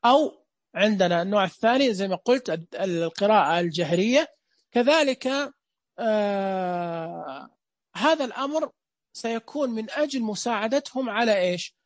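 A man giving a lecture on teaching children to read. He talks loudly and clearly and keeps asking and answering his own questions. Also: high-pitched, animated, normal speed, no echo. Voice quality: loud and clear. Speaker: teacher trainer.

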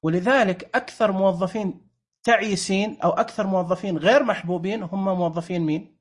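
Lecturer, husky, middle pitch, emphatic and animated, works the audience with rhetorical questions. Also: brisk. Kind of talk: lively presentation talk with slides.

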